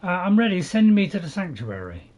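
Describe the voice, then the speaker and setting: A man streaming a game in a fairly high, very animated voice. He chats casually and hesitantly, often repeating himself as he goes. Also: brisk. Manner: hesitant, repetitive, chatty. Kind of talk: casual gameplay commentary.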